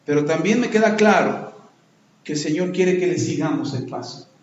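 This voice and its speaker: Man, pastor preaching, high voice, animated, echoey church. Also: moderate pace, muffled recording. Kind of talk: sermon.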